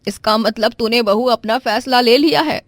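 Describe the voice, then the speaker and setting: A woman voicing a stern, suspicious middle-aged mother-in-law who questions and scolds slowly. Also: a little high, dry recording, natural voice.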